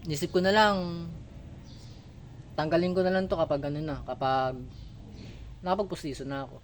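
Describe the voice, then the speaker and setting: A Filipino man talking casually in a vlog, candid and halting, with speech shaped by missing front teeth. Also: fairly high pitch, steady tone, slight background noise. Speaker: vlogger.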